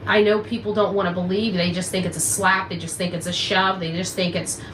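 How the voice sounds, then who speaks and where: A woman with a lowish, fairly bright voice speaks fairly quickly with flat delivery, ranting and giving advice to camera off the cuff as an online commentator. She's emphatic, repetitive, and confrontational, recorded with roomy echo and faint noise.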